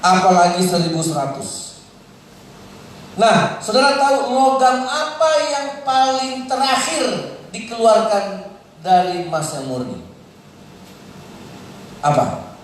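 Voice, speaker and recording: A male pastor preaching a sermon to a congregation, calling out questions and swinging between loud high passages and quiet low asides. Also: animated, slow pace, pauses often. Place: church hall. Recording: echoey hall, mic at a distance.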